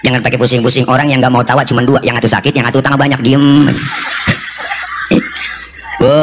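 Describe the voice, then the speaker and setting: A man's voice: medium pitch, little pitch movement, a little fast, long reverb tail, background noise. A man preaching a comedic sermon, joking and often calling out to his audience.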